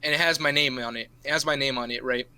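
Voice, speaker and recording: A man's voice: mid-range voice, steady tone, quick pace, pushed and bright, smooth. A young man on a podcast, telling a long casual story, swearing often and tagging "right?" onto his sentences. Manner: rambling, swears a lot, keeps adding "right?". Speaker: podcast co-host. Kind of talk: casual chat.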